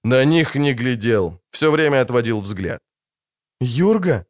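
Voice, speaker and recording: Man giving a lively audiobook narration. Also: medium pitch, unhurried. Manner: expressive, lively reading. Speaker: audiobook reader. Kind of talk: scripted narration.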